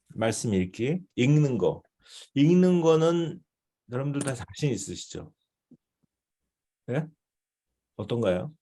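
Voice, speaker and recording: Man teaching a church seminar, mellow voice. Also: mid-range voice. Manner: conversational, often checks with the audience.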